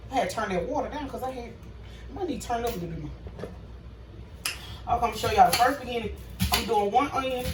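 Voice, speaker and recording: A woman's voice: on the high side, noisy background. A woman hosting a casual cooking vlog in her home kitchen, chatting to viewers. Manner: chatty, talks to viewers as y'all. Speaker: cooking vlogger. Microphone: phone camera. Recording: echoey kitchen, phone mic at a distance.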